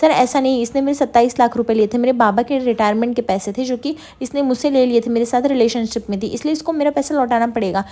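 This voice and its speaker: A woman's voice: a little high, quick pace, hardly any pauses, dark tone, lightly acted. A woman voicing an aggrieved young man who insists on getting his money back. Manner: pleading, insistent.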